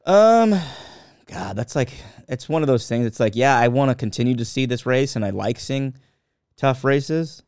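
A man co-hosting a casual podcast, blunt and quick to swear, retelling things with animation. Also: medium pitch, expressive, a little mellow, smooth, dry recording, studio quality. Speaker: podcast co-host. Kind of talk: casual chat.

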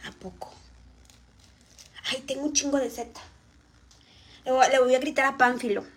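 A woman's voice: sits high, moderate pace, breathy edge. A woman with a Mexican accent chatting to viewers while eating on a live stream.

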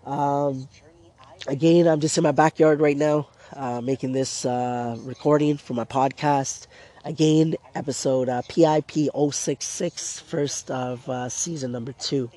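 A Canadian man hosts his own podcast from his backyard, chatting casually while a sore throat steals his voice. His mellow, medium-pitched voice keeps a fairly even intonation and measured pace, though he rambles with plenty of fillers and restarts. Intro music plays behind him.

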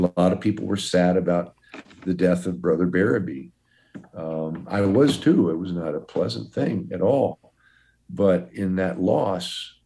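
Older guy, a priest, low mellow voice, folksy storyteller, chuckles a lot. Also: vocal fry, a little hiss or hum. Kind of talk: telling his life story in an interview.

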